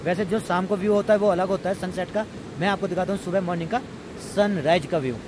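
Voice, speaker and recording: A man from India hosts a camping vlog outdoors by a river, speaking in a fairly high voice with a steady tone. He's chatty and informal, treating viewers as friends, while loud river noise dominates the recording.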